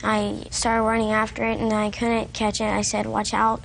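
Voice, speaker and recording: A young female witness with a high voice and a noticeable creak explains herself in court. Her phrasing is halting, simple and repetitive, over some room noise. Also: monotone, poor audio. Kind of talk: unscripted testimony.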